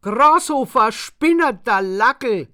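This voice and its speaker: A woman voicing the story's exasperated narrator figure, shouting in dialect. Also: on the low side, sing-song, measured pace. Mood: outraged. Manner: outraged, loud exclamations. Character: exasperated first-person narrator, worked up.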